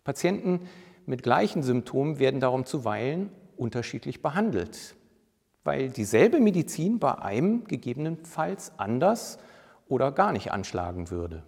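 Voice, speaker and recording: A man giving a measured, deliberate sermon and reading scripture with emphasis. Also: mid-range voice, big pitch swings, gravelly, darkish tone, slightly rough, in a large hall. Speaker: preacher.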